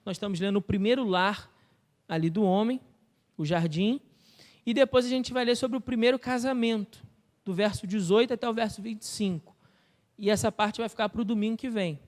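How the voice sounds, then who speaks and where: A Brazilian Portuguese-accented male pastor preaches in a church with a very high voice. He explains like a teacher and keeps asking his listeners questions. His voice rings out with a long reverb trailing through the hall. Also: a little fast. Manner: teacherly, asks the congregation rhetorical questions. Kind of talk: sermon.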